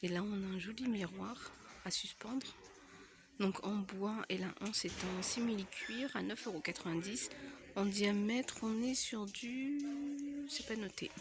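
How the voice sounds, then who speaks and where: A soft-spoken woman with a slight cold, walking through a store and listing decor items and prices for her vlog, often dropping almost to a whisper. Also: medium pitch, measured pace, background noise. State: has a cold. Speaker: home decor vlogger. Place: inside a large home goods store.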